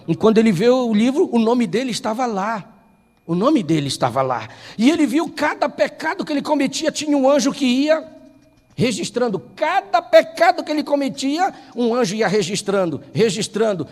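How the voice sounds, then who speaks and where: A male pastor from Brazil tells a story during a Sunday school sermon, moving from hushed narration to impassioned preaching. His voice sits high, and a long reverb tail follows it.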